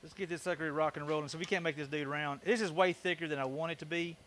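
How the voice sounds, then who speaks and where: A man's voice: on the high side, fairly even intonation, fast talker, heavy background noise. A man with a Southern US accent hosting a woodworking livestream, chatting in an easygoing, folksy way with viewers while he works. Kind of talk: casual livestream chat while working.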